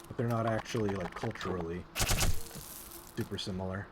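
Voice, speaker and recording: A man's voice: low voice, fairly even intonation, brisk. A man streaming a game, chatting casually with viewers while he plays. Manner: laid-back, chatting with viewers while playing. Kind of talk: casual gameplay commentary. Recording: loud game noise behind the voice. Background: loud game sounds.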